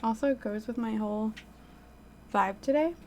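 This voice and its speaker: A woman's voice: on the high side, normal speed, darkish tone, a little hiss or hum. A woman giving casual, chatty tarot readings on a live stream, talking informally and swearing now and then. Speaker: tarot reader.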